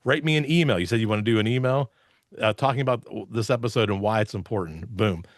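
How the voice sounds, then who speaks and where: A podcast theater owner, appearing as a podcast guest, explains things casually and enthusiastically with punchy emphasis. His lowish voice is steady and fast. He's on a video call with a close, dry mic, giving clean studio sound with no echo.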